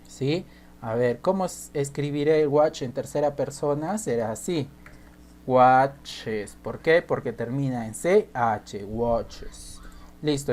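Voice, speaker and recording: Slow, low-voiced woman teaching grammar. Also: a little mellow. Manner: patient, repeats key points, checks in with "¿sí?" and "¿ya?". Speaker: English teacher. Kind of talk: recorded online grammar lesson.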